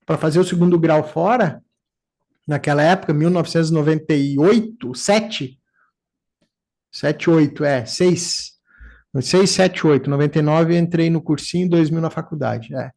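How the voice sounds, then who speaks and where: This man's voice is on the high side and moves at a normal speed. He's in his forties, a neuropsychoanalyst from southern Brazil with a gaúcho accent, and he shares personal anecdotes casually and with animation, performing the quotes in his stories.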